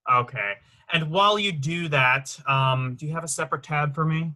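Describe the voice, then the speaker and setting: A young man with a fairly high, bright voice talks through his music opinions in a loose co-host chat. He rambles, restarts and keeps hedging with "in my opinion.". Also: normal speed, rough recording. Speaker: podcast co-host. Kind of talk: casual music review chat.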